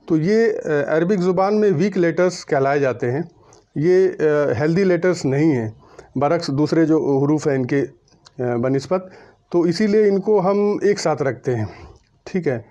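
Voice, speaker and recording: A man giving a lecture on Arabic letters, pausing often with fillers and reciting letters slowly. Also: on the high side, warm tone, dull audio. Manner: many hesitation fillers, mixes English terms. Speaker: Arabic grammar teacher.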